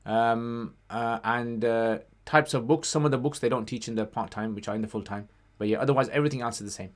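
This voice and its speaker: In an informal livestream Q&A, a man with a mid-pitched voice reads questions aloud and answers them conversationally, slipping Arabic phrases into his casual talk. His tone stays steady and he speaks fairly quickly.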